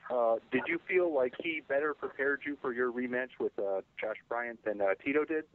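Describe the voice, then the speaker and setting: Narrow phone sound, slight noise, man, mid-pitched reporter, hesitant interview questions. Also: normal speed. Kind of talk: interview questions on a conference call. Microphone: telephone. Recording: thin phone line with faint noise.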